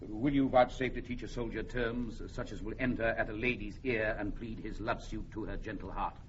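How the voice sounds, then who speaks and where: In classic Shakespearean radio drama style, an actor plays a bold, plain-spoken English warrior king who woos ardently, his fairly low voice fairly even, moderately paced, and close to everyday speech. The old radio recording is muffled, with faint noise.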